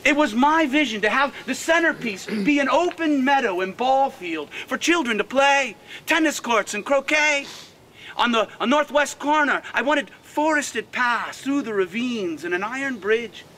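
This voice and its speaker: A man with a very high, bright, pushed voice performs in an exaggerated, expressive, unhurried way as a costumed tour guide and historical reenactor. Playing a proud old Swiss-born park designer of the nineteenth century, he earnestly and emphatically tells his life story in first person, addressing a tour group directly outdoors beside a prairie on a walking tour.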